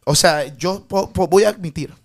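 Man, slightly high voice, host of a casual chat, self-mocking, defensive. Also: moderate pace, creaky. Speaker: show host. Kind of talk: casual panel discussion.

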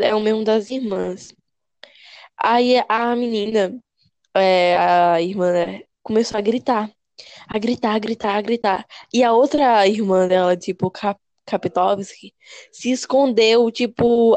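A young woman with a Brazilian accent, a podcast co-host telling scary stories in casual chat, animated and full of slang, repeating words as she goes. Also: medium pitch, measured pace, dry recording. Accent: Brazilian Portuguese.

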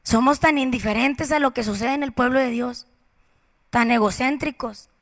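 A woman preaching a passionate sermon, swinging from loud exhortation to hushed whispers. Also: sits high, normal speed. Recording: reverberant hall.

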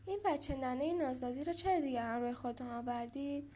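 A woman's voice: high-pitched, steady tone, dark tone. Woman doing a defiant little fish.

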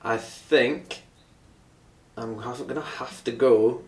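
A man's voice: medium pitch, steady tone, slow pace, a little mellow. A man co-hosting a podcast, chatting casually about sport. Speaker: podcast co-host. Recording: echoey room, distant mic.

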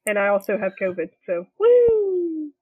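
A woman's voice: a little high, wildly swooping pitch, a little slow, breathy edge, no echo. Woman, co-host, tinny internet-call sound, dry and close, chatty, rambling, laughs a lot. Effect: tinny sound over a poor internet connection. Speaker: podcast co-host. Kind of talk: casual chat. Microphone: remote call over home internet.

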